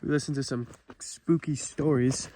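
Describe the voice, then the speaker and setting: A man's voice: medium pitch, steady tone, normal speed, warm tone, a little hiss or hum. A man narrating an overnight camping vlog in a casual, informal, understated way. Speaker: vlogger.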